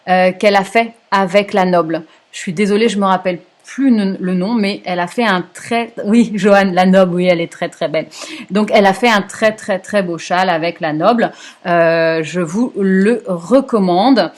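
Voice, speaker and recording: A middle-aged woman, hosting a yarn shop's live stream in a chatty way, full of hesitations and self-corrections while she answers viewer comments. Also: medium pitch. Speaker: yarn shop host.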